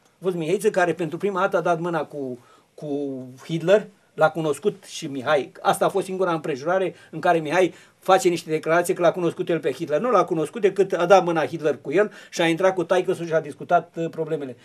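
A man speaks on a television studio discussion. He explains history in long, winding sentences with frequent hesitations and restarts. His voice sits somewhat high for a man. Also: fairly even intonation. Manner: long rambling explanations with many fillers and restarts.

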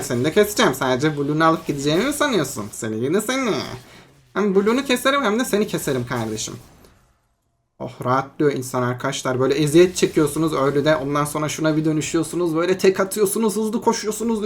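A young adult content creator giving chatty play-by-play commentary on a mobile game, talking to viewers as friends and bursting into yelps and shouts when a fight gets tense. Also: mid-range voice, animated, fast talker. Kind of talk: live gameplay commentary.

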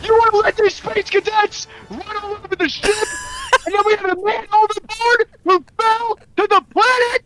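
Man doing a furious space-navy commander: high, bright, yelling, bossy. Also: steady tone, normal speed, rough recording. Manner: shouting, bossy tirade. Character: furious male starship commanding officer, blustering. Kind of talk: improvised game role-play.

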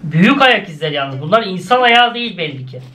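A man's voice: very animated, fast, sharp tone. A young man casually commenting as he reacts to cartoon clips, often exclaiming and laughing. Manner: exclaiming, laughing, swings between high and low.

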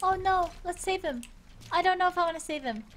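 A young woman streamer giving casual, excitable commentary while playing a horror game, screaming often and swearing freely. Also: extremely high pitch, a little fast, noisy background. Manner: swears freely, jokes at herself. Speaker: gaming streamer.

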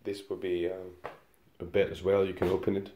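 A man's voice: low-pitched, completely flat delivery, moderate pace, dark tone, slight background noise. A man casually guiding viewers through a furnished apartment, pointing out its features one by one as he walks. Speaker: property tour guide. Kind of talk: casual walkthrough tour.

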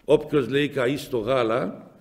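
A middle-aged bishop with a Cypriot Greek accent gives a spiritual talk in a chapel. His voice sits at an ordinary middle pitch and carries a long reverb off the walls. He tells stories, jumping from loud cries to quiet asides. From Cyprus. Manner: storytelling, lively swings between loud exclamations and soft asides. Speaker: metropolitan bishop. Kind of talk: spiritual talk answering the faithful.

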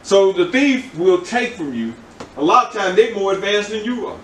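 This older man's sermon as pastor is rambling and conversational, with plenty of repeated words, and he sounds high-pitched and animated at a normal speed. He's recorded from a distance in an echoey church room, with a little hiss or hum.

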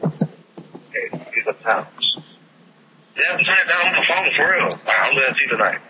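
A man's voice: fairly high pitch, animated, normal speed. A man chatting casually over the phone, teasing and arguing back and forth. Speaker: sibling on a phone call. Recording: very noisy phone call.

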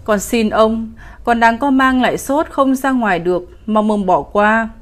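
Scared young peasant wife begging softly in a ghost story, voiced by a woman narrator, highish voice. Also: measured pace, natural voice. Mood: pleading. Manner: pleading and tearful.

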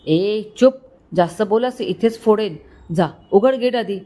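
A bossy young man, drunk and furious, barks orders and insults in a raised, higher-than-usual voice, as a woman reads him out. He snaps every line, spoken aloud from a storybook. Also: brisk, natural voice. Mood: shouting. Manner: shouting, abusive.

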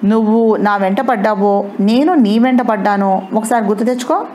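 A woman's voice: mid-range voice, normal speed, dark tone, a little hiss or hum, close to an everyday voice. Brief: a defiant young wife, read by a woman, cool and cutting.

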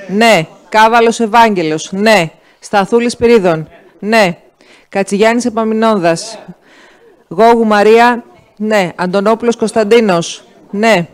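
Male council clerk, notably high voice, steady name-by-name roll-call reading. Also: clean tone. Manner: steady listing of names, brief answers. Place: council chamber.

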